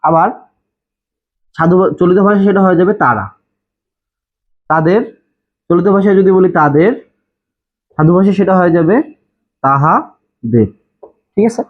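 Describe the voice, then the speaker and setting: Husky-voiced male teacher from bangladesh, slightly high, patient explainer, lo-fi phone-like sound. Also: steady tone, fairly quick, long pauses. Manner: explanatory, repeats key terms, checks understanding. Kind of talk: classroom lecture. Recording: tinny phone-like audio.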